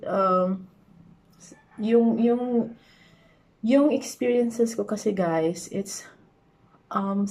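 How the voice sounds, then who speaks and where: A woman's voice: mid-range voice, a little mellow. A young Filipino woman with a Filipino accent, chatting casually to her viewers with lots of fillers. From Philippines. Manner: chatty, mixes English and Tagalog, many fillers. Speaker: vlogger. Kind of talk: casual chat.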